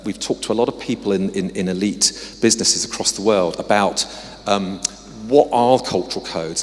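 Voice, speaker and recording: A man with an English accent giving a conversational conference talk with slides as a guest researcher, dropping in apologetic asides. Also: low-pitched. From England. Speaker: guest speaker, social mobility researcher. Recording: long reverb of a hall.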